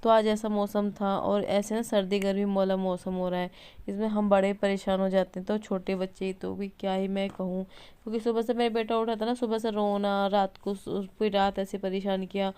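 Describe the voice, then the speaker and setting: Chatty woman with a smooth, clear voice. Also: medium pitch, level tone, moderate pace, mellow. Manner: chatty, rambling, frequent fillers and self-corrections. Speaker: vlogger and mother. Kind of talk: casual home vlog chat. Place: home, indoors at night.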